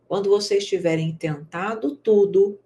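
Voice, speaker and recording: A woman, teaching a recorded spiritist course lesson in a calm, measured and gently instructive way. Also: mid-range voice.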